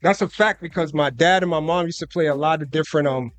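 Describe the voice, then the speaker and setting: Speaking fast in a slightly high voice, a young man from the United States guests on a live concert radio broadcast. He answers casually from the booth, relaxed and loose, with lots of fillers and "you know what I'm saying."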